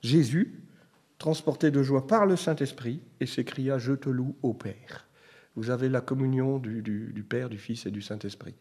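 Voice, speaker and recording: A man's voice: mid-range voice, moderate pace, a little mellow, breathy edge. A middle-aged man preaching a sermon in a conversational way, telling personal stories and rising to emphatic bursts. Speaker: pastor.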